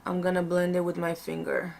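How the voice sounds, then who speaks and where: A woman's voice: on the low side, flat delivery, fairly quick, vocal fry, darkish tone. A woman talking informally through a get-ready-with-me makeup tutorial, thinking aloud as she goes. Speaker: makeup vlogger.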